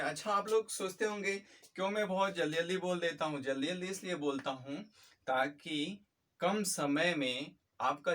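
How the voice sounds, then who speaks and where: A man teaching a biology lesson, talking quickly and repeating key points, slipping in English terms. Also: fairly high pitch, a bit bright, distant mic. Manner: quick, repetitive explanations mixing in English terms. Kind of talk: fast-paced biology lecture.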